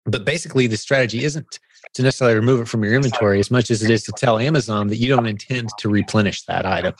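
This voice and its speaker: A man hosting a live video-call Q&A, relaxed and encouraging, calling people buddy and man. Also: medium pitch, very fast. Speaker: podcast host answering seller questions.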